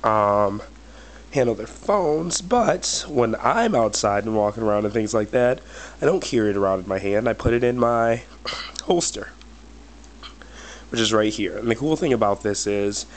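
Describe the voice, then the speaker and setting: His voice is on the low side, animated and moderately paced, though a bad cold leaves it slightly cracky. The man rambles through a casual product review, leaning on fillers like "or whatever" and "but anyway."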